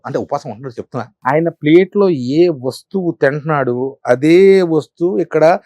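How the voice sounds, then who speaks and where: A middle-aged man and comedian, telling animated stories in an interview, repeating phrases for effect. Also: fairly high pitch, moderate pace, dry recording. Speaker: comedian guest. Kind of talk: storytelling interview.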